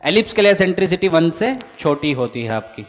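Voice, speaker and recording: Physics teacher in an echoing room. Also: male voice, on the high side, sing-song, normal speed. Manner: explains step by step, asks and answers his own questions, says "theek hai" often. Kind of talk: classroom lecture. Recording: dull lo-fi sound with long reverb.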